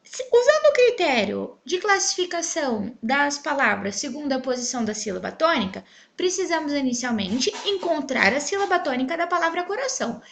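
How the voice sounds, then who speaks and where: Woman teacher with a Brazilian accent, high and animated, clear and emphatic. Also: fairly quick, slight background noise. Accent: Brazilian Portuguese. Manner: clear, emphatic, stretches syllables when spelling out words. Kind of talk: online grammar lesson.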